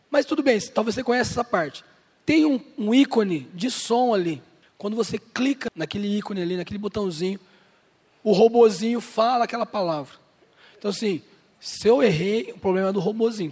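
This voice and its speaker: A man's voice: high voice, darkish tone, breathy edge. A man preaching a sermon as pastor, joking with and directly addressing the congregation at a church service. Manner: playful, jokes with and addresses the congregation. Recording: long hall reverb.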